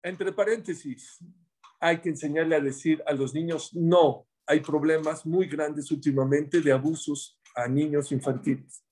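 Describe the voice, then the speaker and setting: A man giving a religious class, preaching in an animated way and acting out the quotes in his stories. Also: a little high, moderate pace. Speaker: religious teacher.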